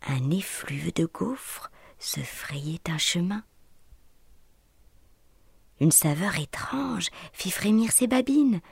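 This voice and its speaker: A woman reading a children's story aloud in a soft, playful way, often dropping to a whisper. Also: fairly low pitch, expressive, takes it slowly, creaky, pauses often, husky, no room sound.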